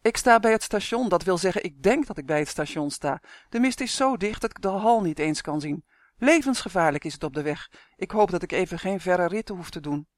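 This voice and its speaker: A storybook reader voicing a worried mother who calls out loudly over a faint phone line, in a dry recording. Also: mid-range voice, lively intonation, brisk, no room sound, natural voice. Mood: calling loudly. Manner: raised, calling out loudly. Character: worried mother, taxi driver, calling.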